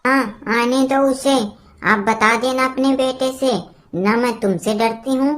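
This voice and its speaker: A woman's voice: high-pitched, fairly even intonation, measured pace. A woman voicing a defiant young daughter-in-law. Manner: indignant, threatening. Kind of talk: cartoon comedy voice acting. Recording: loud background noise.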